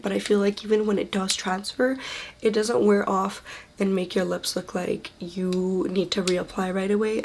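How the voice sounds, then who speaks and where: A woman's voice: medium pitch, slight background noise. Gushing woman reviewing makeup. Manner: gushing, enthusiastic, chatty. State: a bit under the weather. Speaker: beauty vlogger. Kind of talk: casual product review.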